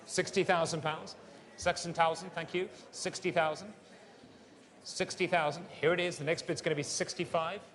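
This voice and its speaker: A man's voice: fairly high pitch, a bit bright. A man working as a fine art auctioneer, calling and repeating bids in polished, courteous patter in a large saleroom. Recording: long reverberant hall sound.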